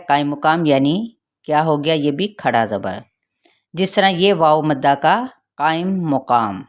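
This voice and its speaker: A woman with a Pakistani Urdu accent teaching Quran recitation rules, explaining each letter slowly and carefully. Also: low voice. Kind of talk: tajweed lesson with recitation.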